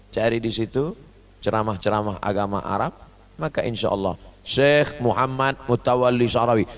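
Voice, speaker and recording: Mimicking phrases from other languages, a man preaches with humor, his delivery lurching between loud, high exclamations and hushed, deep asides.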